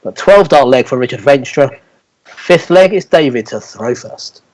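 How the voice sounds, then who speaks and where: A man's voice: medium pitch, animated, unhurried, a little mellow, a little hiss or hum, low-quality recording. A man working as a darts score caller, announcing scores and legs in formal, short clipped calls.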